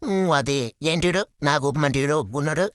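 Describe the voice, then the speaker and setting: A performer voicing a cheeky, greedy young female pug dog in a comic pet video, nagging and whining in quick chatter. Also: medium pitch, a bit bright, no echo, studio quality, lightly acted. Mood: complaining. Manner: fast, whiny nagging chatter.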